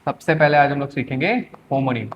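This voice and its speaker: A man's voice: medium pitch, fairly even intonation, a little fast, a little hiss or hum. A man teaching English for an exam, quizzing students with repeated questions. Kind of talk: exam-prep lecture.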